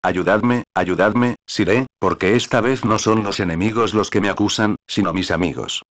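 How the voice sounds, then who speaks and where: A man with a low voice voicing a desperate, proud young queen in an audiobook reading, pleading and indignant. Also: moderate pace, a bit bright, no room sound, natural voice.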